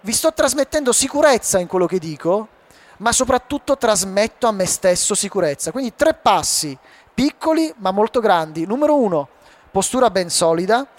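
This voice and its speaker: Guy coaching a crowd on public speaking live, fairly high voice, keeps throwing questions at them. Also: moderate pace, no echo. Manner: animated, rhetorical questions to the audience. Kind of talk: live talk to an audience. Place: hall before a live audience.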